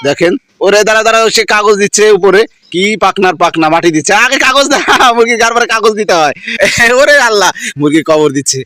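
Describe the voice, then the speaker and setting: A woman with a vlogging in a village, teasing and chatting fast while she addresses her viewers. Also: mid-range voice, lively intonation, fairly bright tone, no echo, studio quality. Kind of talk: village vlog narration to viewers. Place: outdoors in a village.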